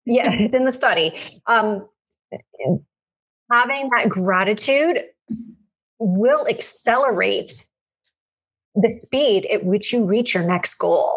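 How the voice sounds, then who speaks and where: A woman's voice: medium pitch, takes it slowly, long pauses, breathy edge. A woman co-hosting a business podcast, talking earnestly and repeating her key points for emphasis. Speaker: podcast co-host, business coach. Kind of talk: casual chat.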